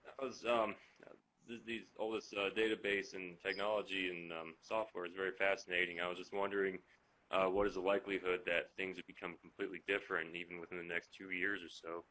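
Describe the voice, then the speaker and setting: Deep flat-voiced man asking a question, hesitant, far from the mic. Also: a little fast, slight background noise. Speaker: audience member.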